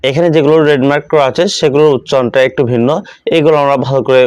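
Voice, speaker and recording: A man teaching the English alphabet, saying each letter slowly and repeating it, in a steady classroom manner. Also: medium pitch, smooth, no echo, muffled recording. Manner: repeats each letter twice, slow and deliberate. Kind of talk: slow classroom instruction.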